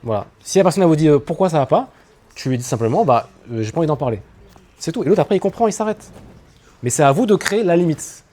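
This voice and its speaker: A man coaching an audience on public speaking, talking in a lively, animated way with spoken asides. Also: a little high, fast talker. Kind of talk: talk to an audience on stage. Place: room with an audience.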